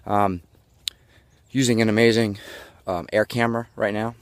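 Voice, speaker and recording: A man with a low voice gives a halftime pep speech like a locker-room coach. He sounds winded from walking and carrying on, and he keeps it folksy and jokey as he motivates his listeners. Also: fairly even intonation, moderate pace, clean tone, dry recording. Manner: breathless from exertion while walking; folksy, jokey self-narration in the third person.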